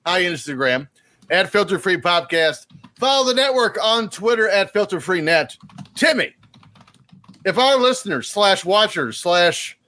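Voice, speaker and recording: A man with a bright, forceful voice hosts a casual podcast and reads the show plugs. His pitch moves a lot, and he drops dry jokes between segments. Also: very animated, measured pace. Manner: runs the show's plugs and segments, dry wisecracks. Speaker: podcast host.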